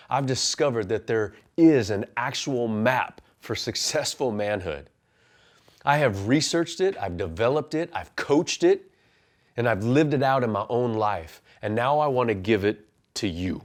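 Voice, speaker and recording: Man, 40s, coach and pastor type, earnest storytelling that turns to direct motivational punch, mid-pitched voice. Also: expressive, measured pace. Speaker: men's life coach and pastor. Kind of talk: personal testimony and motivational talk.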